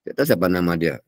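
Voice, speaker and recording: An older Malaysian man with a low voice gives a relaxed religious lecture, drifting from point to point and slipping into chanted Arabic. He coughs now and then. The sound is dry and close. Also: dry recording. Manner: chatty and digressive, breaks into Arabic recitation. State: coughing often. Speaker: religious teacher.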